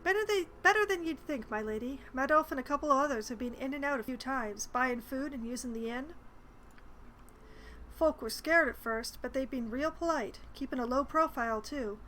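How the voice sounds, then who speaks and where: Woman playing a village innkeeper, high voice, folksy, plain-spoken, deferential, fantasy game dialogue, faint noise. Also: moderate pace, pushed and bright, poor audio. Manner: folksy old-fashioned dialect. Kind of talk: reading video game dialogue aloud.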